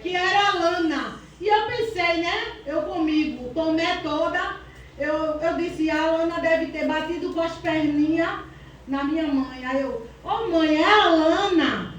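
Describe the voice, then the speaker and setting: A woman with a very high voice gives a fervent church testimony, fighting back tears as she calls out praise. She is picked up from a distance in a very echoey hall. A faint hum of the room sits underneath. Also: unhurried. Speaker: church member giving testimony.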